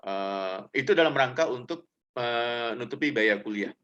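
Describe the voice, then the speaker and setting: A man's voice: mid-range voice, expressive, a little slow, fairly bright tone, dull audio. A middle-aged man giving a casual talk to students, telling personal stories in a chatty, loose way with many fillers. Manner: chatty, loose, full of fillers, addresses listeners directly. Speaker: guest speaker.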